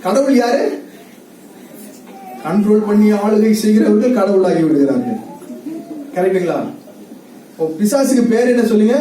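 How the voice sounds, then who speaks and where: High-voiced preacher in an echoey hall. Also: male voice, warm tone, recorded from a distance, slight background noise. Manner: asks the audience questions and repeats their answers; laughs often while talking. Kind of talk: sermon with questions to the congregation.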